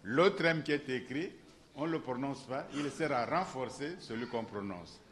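A professor patiently explains a point at a conference, circling back to restate the key idea several times. His voice is mid-pitched for a man. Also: lively intonation, normal speed, a bit bright. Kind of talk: explanatory lecture.

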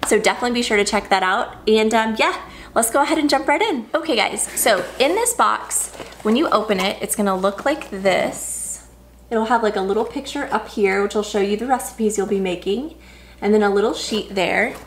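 A vlogger in her thirties chats through an unboxing in her home kitchen, upbeat and gushing over each item. Her medium-pitched voice runs a little fast, with slight background noise, in a casual unboxing chat.

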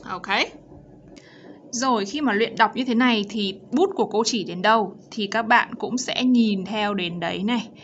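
A woman teacher with a Vietnamese accent explaining pronunciation and reading model sentences slowly and clearly. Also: medium pitch, a little hiss or hum. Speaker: English teacher. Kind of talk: pronunciation lesson. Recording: dull lo-fi recording.

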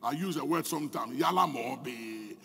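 A Ghanaian man preaching a fervent sermon as pastor, his delivery swelling into shouts, in an echoey church hall. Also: medium pitch, lively intonation, normal speed, creaky, a little hiss or hum.

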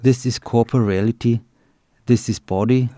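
A man's voice: mid-range voice, steady tone, normal speed, mellow, dry recording. A man reading a scripted translation voice-over as narration for another speaker.

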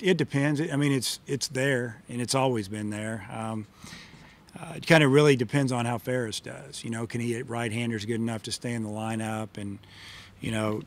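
In a press room with a sponsor backdrop, a middle-aged baseball coach answers postgame questions through the table mic before him. His voice sits at medium pitch, and he speaks plainly and matter-of-factly, leaning heavily on fillers.

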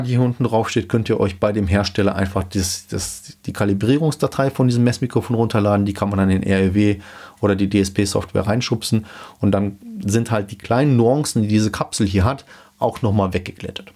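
A man in his thirties explaining gear in a casual home-studio vlog, relaxed with many fillers, into a dynamic studio mic. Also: on the low side, brisk. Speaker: YouTube host explaining car audio gear. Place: small home studio room indoors. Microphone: dynamic studio mic in front of him.

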